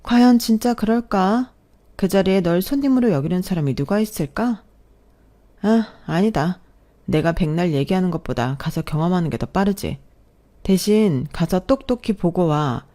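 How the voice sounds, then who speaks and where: A woman playing a jaded older sister who has been through a divorce and speaks with blunt, knowing cynicism. Her voice is mellow and warm, pitched in an ordinary middle range, as if in an audio story. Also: animated, moderate pace, natural voice.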